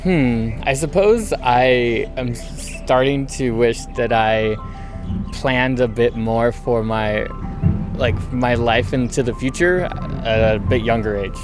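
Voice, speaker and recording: A man's voice: mid-range voice, music in the background. Thoughtful man in his thirties from San Francisco. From San Francisco, USA. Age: 30s. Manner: thoughtful, measured, with frequent ums. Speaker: interviewee, traveller. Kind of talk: street interview answers.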